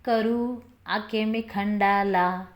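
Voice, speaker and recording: A woman voicing a bold, quick-witted young man who teases and then scolds, in a storybook reading. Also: medium pitch, fairly even intonation. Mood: mocking. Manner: playful mocking then scolding.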